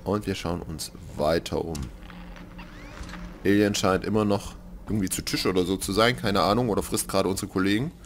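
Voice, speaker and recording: A man commentating his horror game playthrough, joking and excitable, dropping to whispers when things get tense. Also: sits low, a little fast, a little hiss or hum. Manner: excitable, jokey, drops to whispers in tense moments. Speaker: let's play commentator. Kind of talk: gaming commentary. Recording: gameplay music playing behind.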